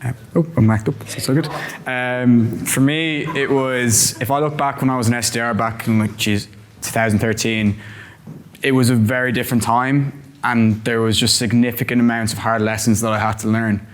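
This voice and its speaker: A man's voice: medium pitch, steady tone, normal speed, a little hiss or hum. A man on a conference panel, reflecting on his career in an earnest way. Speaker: panelist, sales development manager. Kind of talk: panel discussion answer. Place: conference hall.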